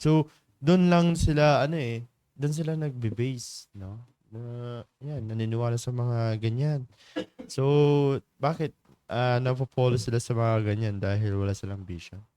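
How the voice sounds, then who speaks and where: A man hosting a morning church devotion livestream in a studio, chatty, laughing often and filling pauses. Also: mid-range voice, dark tone, smooth, dry recording. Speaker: devotion leader and livestream host. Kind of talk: casual livestream greetings and devotional talk.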